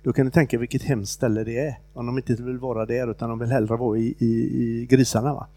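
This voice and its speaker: Gravelly-voiced man preaching casually. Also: mid-range voice, level tone, dark tone, dry recording. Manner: conversational, halting, with many fillers and restarts. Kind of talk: informal sermon retelling a Bible story.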